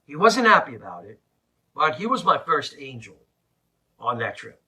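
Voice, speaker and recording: A man tells a personal story in a very bright, forceful voice that sits a little high. His delivery is animated and emphatic, with dramatic pauses. He is recorded in an attic, a little way from the microphone. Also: husky. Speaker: religious presenter and storyteller. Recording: slightly distant mic in an attic.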